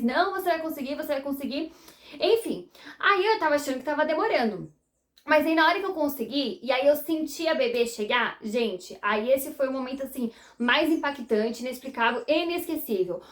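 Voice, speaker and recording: A young Brazilian woman with a Brazilian Portuguese accent, telling her viewers a personal story in a chatty, animated way. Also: high-pitched. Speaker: vlogger.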